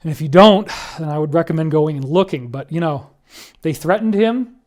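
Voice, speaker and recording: A man delivering an emotional commentary monologue, emphatic and prone to sudden loud outbursts. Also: a little high, moderate pace. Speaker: online commentator.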